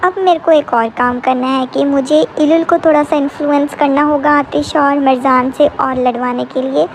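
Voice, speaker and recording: Chatty high-voiced woman recapping a drama. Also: fairly even intonation, normal speed, slight background noise, low-quality recording. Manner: chatty, opinionated, addresses viewers directly.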